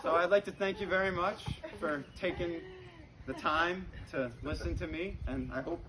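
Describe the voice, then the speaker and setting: His voice sits on the high side and moves at a normal pace as he performs stand-up, spinning conversational stories and voicing the characters' lines, often with a "you know." A live audience laughs, and crowd noise and room ambience fill the noisy recording.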